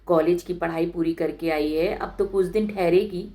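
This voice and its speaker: Lady doing a worried mom, motherly warnings, lower voice. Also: fairly even intonation, normal speed, mellow, close to an everyday voice. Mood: caring. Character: worried village mother, protective and cautious.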